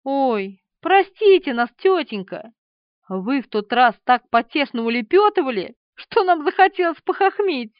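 A woman's voice: high voice, sing-song, unhurried, no room sound. A woman voicing a clownish young man who groans and whines in an audiobook. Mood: groaning. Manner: whiny, groaning. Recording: dry, slightly dull studio recording.

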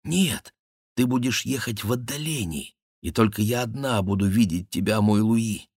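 Man playing a gentle lovestruck young noblewoman, soft lifted voice, dry close sound, audiobook figure. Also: fairly low pitch, expressive, moderate pace, slightly rough, no room sound. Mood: tender. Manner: soft, wistful, lightly raised voice. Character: tender young noblewoman in love, gentle and dreamy.

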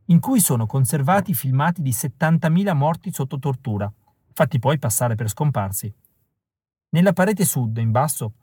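A man's voice: medium pitch, a little mellow, slightly rough, dry recording. A man voicing a cold calculating rebel woman. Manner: cold, briefing tone. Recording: dry close recording.

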